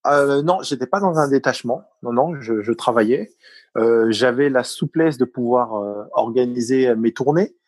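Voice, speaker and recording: Husky-voiced Parisian man, halting speech. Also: mid-range voice, darkish tone, no room sound, rough recording. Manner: hesitant, many fillers and restarts. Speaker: guest, former top-level athlete. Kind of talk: conversational interview.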